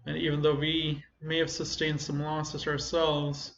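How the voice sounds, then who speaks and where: A man voicing a proud, formal female kobold leader in a tabletop game, speaking in a measured way. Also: fairly high pitch, monotone, creaky, a bit bright. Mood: satisfied, formal. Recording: roomy, slightly muffled, faint noise.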